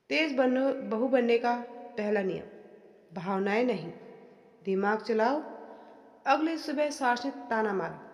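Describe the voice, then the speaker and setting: A woman narrating a family story in a slow, dramatic scripted style. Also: on the high side, darkish tone. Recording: echoey room with long reverb.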